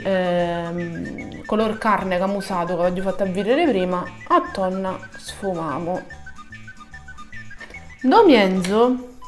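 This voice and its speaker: Female tutorial host, southern Italian Sicilian dialect, colloquial and repetitive for emphasis, medium pitch, music underneath. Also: darkish tone. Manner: colloquial, repeats words for emphasis. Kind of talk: casual step-by-step makeup tutorial in Sicilian dialect.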